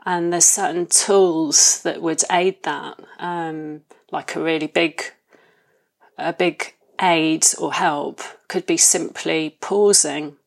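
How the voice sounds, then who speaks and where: A woman interviewed as a guest, talking in a reflective, conversational way, thoughtful and hesitant as she pauses to reformulate. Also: sits low, fairly even intonation, vocal fry.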